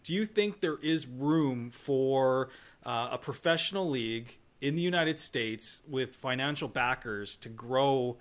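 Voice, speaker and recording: A man's voice: mid-range voice, unhurried. A man in his thirties from Northern Canada, hosting a podcast in a casual, rambling way with many fillers. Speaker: podcast host.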